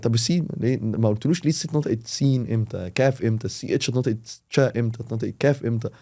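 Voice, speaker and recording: A man with an Egyptian Arabic accent, a teacher talking in a casual podcast and explaining with quick, animated examples. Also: mid-range voice. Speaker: English teacher, podcast guest.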